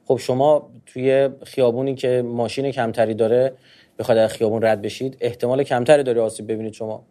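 Speaking conversationally about marriage from a religious angle, a man keeps asking himself rhetorical questions and answering them, with polite fillers throughout. His mid-range voice is mellow and level.

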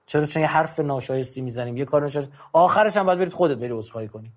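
A middle-aged man giving an informal, conversational lecture, going through numbered tips with emphasis. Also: fairly high pitch. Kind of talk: informal talk on controlling anger.

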